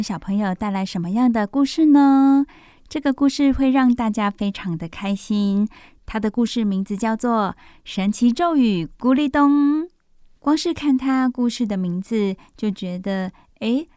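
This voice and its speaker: A woman with a Taiwanese Mandarin accent hosting a children's radio storytime, speaking gently and simply as if reading to a toddler. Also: fairly high pitch, no room sound, studio quality. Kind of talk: children's radio presenting, talking to young listeners.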